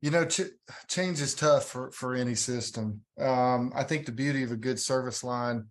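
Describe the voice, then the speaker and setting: A man's voice: medium pitch, moderate pace. A man guest in a podcast interview, speaking conversationally and often repeating words as he thinks. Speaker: guest, hospital program leader.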